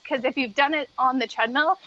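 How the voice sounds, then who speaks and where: A woman's voice: high-pitched, fairly quick, pushed and bright. A woman talking casually and chattily as a guest in a podcast interview about her own experience. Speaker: podcast guest, treadmill runner. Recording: dull, muffled lo-fi audio.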